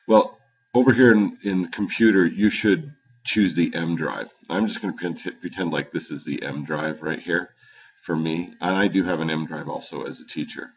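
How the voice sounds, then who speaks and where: A male teacher at home giving a halting screen-recorded computer tutorial with frequent fillers and restarts, recorded on his computer's low-quality built-in microphone. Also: slight background noise. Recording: dull lo-fi built-in computer mic.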